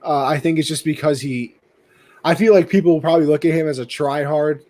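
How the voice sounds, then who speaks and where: A young man co-hosting a sports podcast, chatting casually and excitably, tripping over his words now and then. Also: fairly quick, slight background noise. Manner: excitable, jumps in pitch, trips over words. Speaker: podcast co-host.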